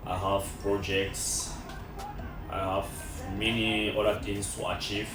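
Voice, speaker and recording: A man from Cameroon, a French teacher, answering interview questions in a slow, halting way with many fillers. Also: fairly low pitch, little pitch movement. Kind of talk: casual interview. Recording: echoey room from far off with music.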